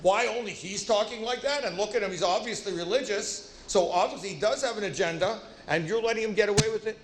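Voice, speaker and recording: A man voicing an agitated young male student who heckles and accuses in a stream of rapid questions. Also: high-pitched, a little hiss or hum, voice pushed up, natural voice. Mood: indignant. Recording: roomy hall with faint ambience.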